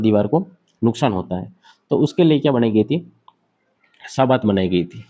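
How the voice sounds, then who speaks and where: A man's voice: mid-range voice, a little mellow, highs cut off. A man giving an exam-prep lecture, asking questions and answering them himself while he sketches on a board. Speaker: teacher.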